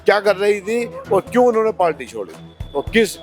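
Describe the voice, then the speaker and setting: A man's voice: high voice, big pitch swings, brisk, soft background music. A male politician answering interview questions, arguing his party's case with rhetorical questions. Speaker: politician, candidate.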